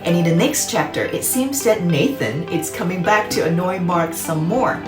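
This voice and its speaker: Hosting a children's read-aloud, a woman narrates at a moderate pace in an animated, lowish voice, stopping to explain words and pose questions to the listener. Her voice carries a roomy echo, and faint music plays in the background.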